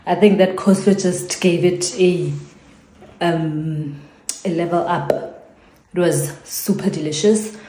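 Low-voiced South African woman vlogging. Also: steady tone, takes it slowly, long pauses, mellow. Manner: chatty, repeats her thanks, trails into fillers. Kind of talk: casual vlog sign-off. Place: at home. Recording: echoey room.

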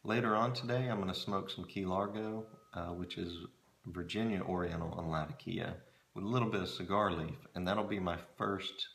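A middle-aged man chatting casually to camera in a musing, hesitant way, often pausing mid-thought, recorded in a small room at home. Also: low-pitched, steady tone, vocal fry, a bit bright. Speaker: pipe-smoking hobbyist reviewing tobacco blends. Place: small home storage room with shelves, indoors. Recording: roomy echo from camera mic.

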